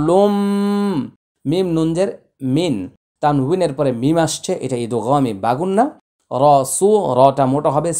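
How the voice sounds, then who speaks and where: A man teaching Quran recitation, spelling out letters slowly and then chanting the words in long, drawn-out tones. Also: on the high side, dark tone. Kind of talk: tajweed lesson.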